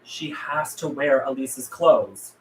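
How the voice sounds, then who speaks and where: At a script table read, a man with a mid-range voice reads a guarded, earnest survivor of a zombie apocalypse, keeping his lines terse and stern. He goes slowly, acting it only lightly. The mic sits at a distance in a roomy space, with a faint trace of noise.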